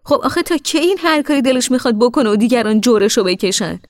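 A woman reading a story voices a bitter, irritated adult brother who scolds loudly and sharply, with long reverb on her voice. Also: fairly high pitch, lively intonation, clean studio sound, voice pushed up, natural voice. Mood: exasperated scolding. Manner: loud, scolding, exasperated.

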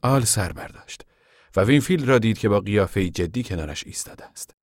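A man narrating a novel in a soft, measured voice that is often hushed. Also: on the low side, expressive, dry recording, studio quality.

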